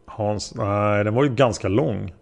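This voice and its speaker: A man reading the lines of a hesitant male taxi driver being questioned as a witness, in a plain, halting way. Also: lowish voice, vocal fry. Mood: unsure. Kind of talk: read-aloud interrogation transcript.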